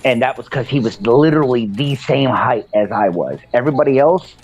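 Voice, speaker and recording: A man in his thirties chatting on a podcast, explaining things in a steady, storytelling way. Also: medium pitch, fairly quick. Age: 30s. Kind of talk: casual chat. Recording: dull lo-fi call audio.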